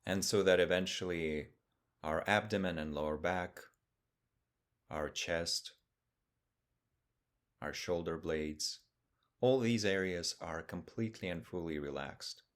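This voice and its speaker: This meditation teacher's voice sits low as he guides listeners through a session, speaking calmly in short, measured bits with extended pauses.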